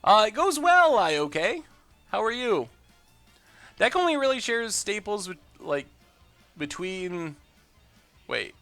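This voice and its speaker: Very animated and high-voiced, this streamer takes his time with long pauses and a sharp tone while commentating a card game. He's chatty and upbeat, reading viewer messages and replying. No echo, faint music in the background.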